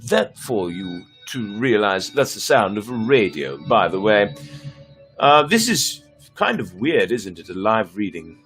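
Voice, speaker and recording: Hosting a live story reading on a livestream, a man with a lowish, fairly bright voice chats casually over soft background music. He speaks a little slowly with big pitch swings, playful and theatrical, poking fun at his own writing.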